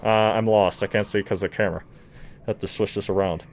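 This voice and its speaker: A man chats casually on a game livestream, projecting his fairly low voice through a face mask. The mic sits away from him and there is some light noise in the recording. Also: steady tone, fast, darkish tone. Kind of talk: casual gaming livestream chat. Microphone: distant microphone, talking through a mask. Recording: noisy, mic set far away.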